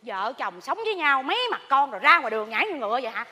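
A woman's voice: high voice, very animated, rapid-fire, sharp tone, husky, heavily acted. An actress playing a gossipy Buddhist neighbor woman, exclaiming dramatically in a stage comedy sketch. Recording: stage hall reverb.

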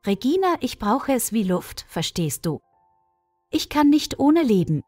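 A woman's voice: a little high, very animated, measured pace, warm tone, no echo, soft background music, voice pushed up. A woman voicing a tired, worn-out male surgeon arguing with his wife. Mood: weary. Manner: pleading, worn-out.

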